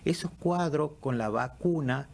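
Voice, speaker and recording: Man explaining calmly. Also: on the high side, creaky. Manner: measured explanatory, frequent "eh" and "este" fillers. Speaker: pulmonologist guest. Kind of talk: radio interview answers.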